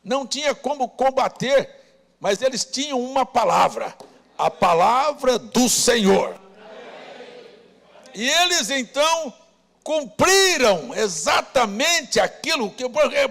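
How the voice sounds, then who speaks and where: A man preaching a sermon as pastor, rousing the congregation with shouted calls. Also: very high-pitched, gravelly. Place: church hall. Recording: long church reverb.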